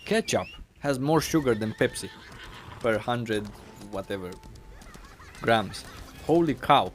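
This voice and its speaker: A man's voice: lowish voice, expressive, slow pace, a little hiss or hum. A man live-streaming a video game, chatting casually and rambling with many fillers and restarts while he eats. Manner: rambling, full of fillers and restarts, talking with his mouth full. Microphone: desk mic.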